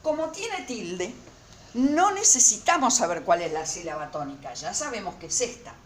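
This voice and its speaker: A woman teacher talks her students through a recorded lesson. She goes slowly and stresses each word, and her pitch climbs and falls a lot. The room around her sounds echoey. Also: very animated, slight background noise. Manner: slow, emphatic, repeats words syllable by syllable.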